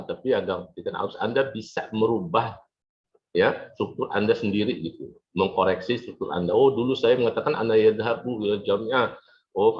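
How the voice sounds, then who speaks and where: A man's voice: lowish voice, muffled recording. A man giving a university lecture, explaining and repeating his points to the students.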